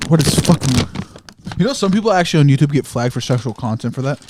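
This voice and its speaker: A man's voice: a little high, lively intonation, very fast, heavy background noise. Blunt young man bantering while eating sour candy. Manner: sweary, blunt. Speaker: podcast co-host. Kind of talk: casual banter, taste-testing sour candy.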